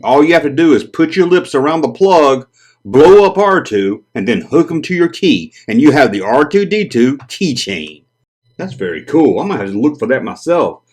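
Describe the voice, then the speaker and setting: With a slightly high voice at normal speed, the host of a toy collector channel jokes around about odd vintage toys in a casual collector video. Japanese is his first language, and he keeps things animated and chatty.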